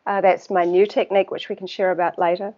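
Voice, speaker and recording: Her pitch is fairly low, with little movement and a darkish tone, and the audio sounds dull. She's a water researcher from New Zealand, a guest in a casual interview who talks unhurriedly and thoughtfully, often stopping to search for words.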